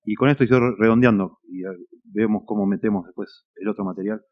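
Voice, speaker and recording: A man's voice: fairly low pitch, fairly even intonation, fast, narrow, tinny audio. A man with a Rioplatense Spanish accent preaching a sermon as a pastor, earnest and at times emphatic. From Argentina. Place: church.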